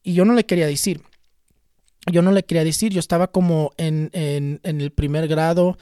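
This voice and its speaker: A man telling a personal story in a casual, halting way, often repeating and restarting words. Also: on the high side, fairly even intonation, mellow, clear, resonant tone, dry recording, clean studio sound. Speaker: channel host recounting a spiritual experience.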